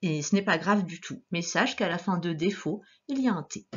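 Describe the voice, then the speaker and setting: A woman teacher giving a dictation lesson to young children, sounding out each syllable slowly and clearly. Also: on the low side, expressive, highs cut off. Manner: slow, clearly articulated syllables with gestures.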